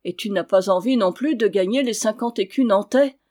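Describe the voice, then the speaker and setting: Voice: medium pitch, normal speed, a little mellow, natural voice. A reader voicing a good-natured male knight who banters and laughs in an audiobook. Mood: jovial. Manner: hearty, bantering. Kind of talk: audiobook reading.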